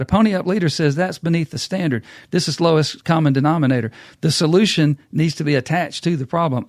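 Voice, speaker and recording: A man's voice: on the high side, creaky, no room sound, clean studio sound. A middle-aged man, hosting a casual business talk and acting out quotes as a folksy storyteller. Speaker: podcast host.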